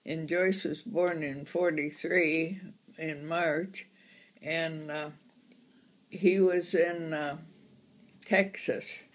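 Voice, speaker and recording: A very old woman of ninety-one reminisces casually in a halting, unhurried way, as someone being interviewed. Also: deep voice, fairly even intonation.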